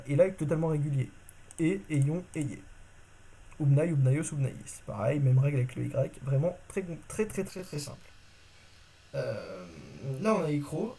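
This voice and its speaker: A man's voice: on the high side, dark tone, breathy edge. A man teaching a constructed language in a casual video lesson, talking informally and often correcting himself mid-sentence. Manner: informal, self-correcting, lots of fillers.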